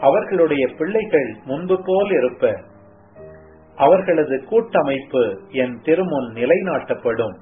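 The solemn, unhurried voice of the Lord, as a man reading scripture puts it on, pitched a little high and spoken very slowly. It comes through a thin, phone-like line with soft music underneath. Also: animated. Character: solemn divine male voice of the Lord. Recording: tinny phone-like sound, faint music.

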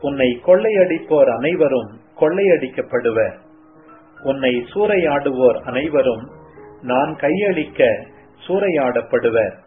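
Divine male voice of the Lord, read by a man, solemn and very slow, tinny sound. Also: medium pitch, animated. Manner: slow solemn scripture reading. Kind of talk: devotional scripture reading. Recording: tinny phone-like sound, faint music.

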